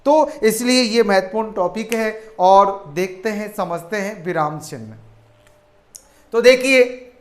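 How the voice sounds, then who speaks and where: Slow, echoey Hindi grammar teacher man. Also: very high-pitched. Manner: addresses viewers as friends, asks and answers own questions. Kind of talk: online grammar lesson. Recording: echoey room.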